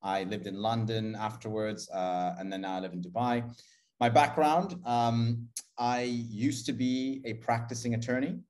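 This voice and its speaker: A man's voice: medium pitch, a little slow, darkish tone. A man from Mauritius answering interview questions in a businesslike way, with frequent "uh" fillers. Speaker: guest, co-founder.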